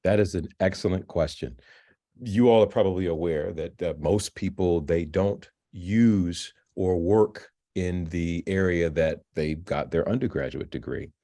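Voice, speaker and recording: A man in his fifties, interviewed about his career, talking in a halting way with frequent restarts and repeated words. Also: deep voice, mellow. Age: 50s. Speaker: filmmaker and novelist, alumnus guest. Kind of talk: interview, conversational. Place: virtual interview.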